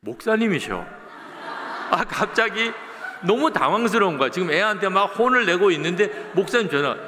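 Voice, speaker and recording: Lively, bright-voiced pastor preaching in a hall. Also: male voice, high voice, normal speed, a little hiss or hum. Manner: storytelling, acting out quotes, addressing the congregation. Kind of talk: sermon. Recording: long church-hall reverb.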